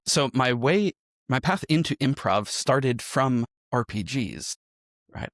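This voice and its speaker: On a clean, dry studio recording, a medium-pitched man appears as a podcast guest who teaches improv and works as a game master. He tells his story in a reflective, conversational way, often checking in with a "right?" as he explains.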